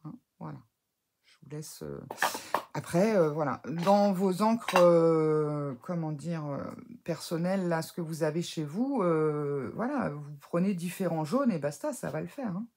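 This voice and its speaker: A woman's voice: low voice, unhurried, a little mellow. A woman chatting through a casual craft tutorial as she works, hesitant and full of fillers, often correcting and teasing herself. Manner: talks while working with her hands, self-mocking. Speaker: scrapbooking crafter.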